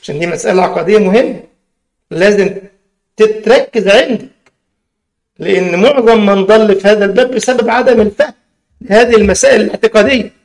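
High-voiced Egyptian man teaching in a mosque. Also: creaky. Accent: Egyptian Arabic. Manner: keeps asking the listeners questions and stretches key words slowly. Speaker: religious teacher. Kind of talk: mosque lesson in plain colloquial speech.

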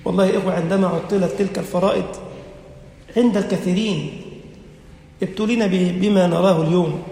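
Egyptian preacher in an echoing hall. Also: male voice, vocal fry, warm tone. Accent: Egyptian Arabic. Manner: dramatic storytelling, acting out dialogue with rising pitch. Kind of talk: sermon. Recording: echoey hall with long reverb.

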